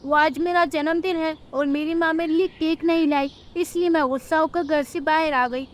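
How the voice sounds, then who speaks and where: A sulky, demanding little girl bird from a cartoon story, speaking in a very high, childish whine, as a woman narrator puts her on. She talks like a spoiled child who wants things her way. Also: steady tone, normal speed, a little hiss or hum, lightly acted.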